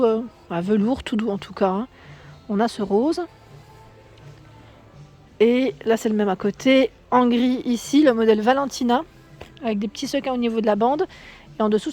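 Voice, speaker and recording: A woman's voice: fairly high pitch, a little mellow. A woman vlogging casually as she walks through a shop, chatting and asking viewers what they think. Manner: chatty, asks viewers for opinions. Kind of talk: casual store walkthrough vlog. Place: inside a shop.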